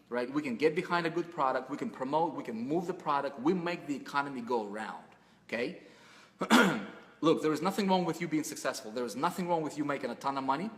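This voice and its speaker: A man's voice: a little high, a bit bright. A man hosts a webinar in an easygoing, rambling pep-talk manner. He restarts his sentences and leans on fillers as he urges listeners on, and his voice trails off into a long reverb, as if he is talking in a big, hard room. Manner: casual, repetitive, with frequent fillers and restarts. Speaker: webinar host.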